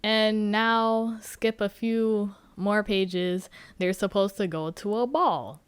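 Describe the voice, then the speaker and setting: A woman talks at an unhurried pace in a smooth, clear voice. She is a podcast host giving a casual, profane, sarcastic recap of a book. Her delivery is loose and conversational. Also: medium pitch, fairly even intonation, dry recording.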